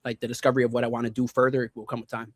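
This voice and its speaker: A man's voice: mid-range voice, flat delivery, no room sound, studio quality. A man who is a guest and content creator, talking reflectively in a casual interview. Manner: reflective, measured.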